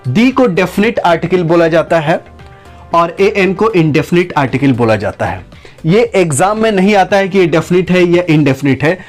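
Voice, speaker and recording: High-voiced man teaching an English lesson. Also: normal speed, faint music behind. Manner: talks in a steady run, repeating and stretching out example sentences. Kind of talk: spoken lesson to camera.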